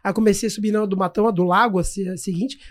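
A man from São co-hosting a podcast, telling a story in a lively, animated way and repeating his phrases. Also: high voice, rapid-fire. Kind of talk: casual chat.

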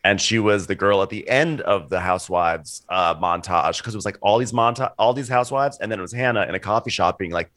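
A man's voice: on the low side, fairly quick, few pauses, a bit bright, no room sound, clean studio sound. A man co-hosting a podcast in casual chat, talking loosely with lots of "like" and "sort of" and acting out quotes. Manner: chatty, heavy on "like" and "sort of", acts out quotes. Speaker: podcast co-host.

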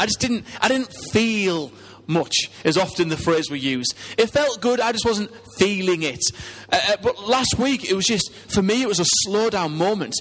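A man with a Teesside English accent delivers a sermon in a conversational, earnest way. His voice sits high for a male speaker, and he often turns to the congregation with rhetorical questions. The sound carries the long reverb of a hall. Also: fairly bright tone. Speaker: preacher.

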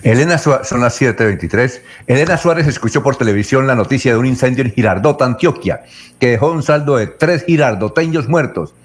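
A man's voice: mid-range voice, a little fast. A man hosting a radio news show, reading listener questions aloud in announcer style.

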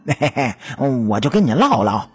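A woman's voice: rumbling low, very animated, normal speed, husky, faint music behind, pitched below the performer's own voice, heavily acted. A woman voicing a cocky, teasing male weasel spirit in a storytelling audiobook. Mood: smug teasing. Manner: teasing, smug, chuckling.

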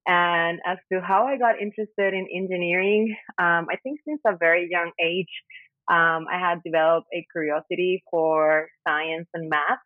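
A woman's voice: on the low side, steady tone, normal speed, no room sound. Puerto Rican woman on a phone line. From Puerto Rico. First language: Spanish. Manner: frequent ums, searching for words. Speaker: guest engineer. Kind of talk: casual interview answers.

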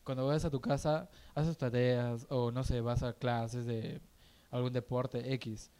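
A man with a mellow, warm-toned voice at a middle pitch. He keeps chiming in to agree and back up his co-host, then adds his own thoughts in a relaxed podcast chat. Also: a little slow, clean tone. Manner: supportive, agreeing, chiming in often. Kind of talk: candid conversational podcast.

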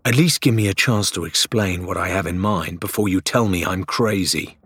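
A man voicing a thoughtful, quick-witted young female pirate who speaks in a measured way. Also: low voice, fairly bright tone, husky, dry recording. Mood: defiant.

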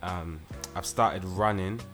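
A man co-hosting a podcast with a very deep, low voice. He talks in a relaxed, unhurried way, with clear music playing in the background. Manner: laid-back, easygoing. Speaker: podcast co-host. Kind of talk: casual chat.

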